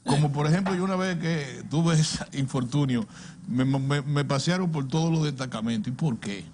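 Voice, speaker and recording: A man's voice: a little high, normal speed, background noise. An older man with a Dominican Caribbean Spanish accent giving opinionated political commentary, repeating words and asking rhetorical questions. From Dominican Republic. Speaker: political commentator on a talk show.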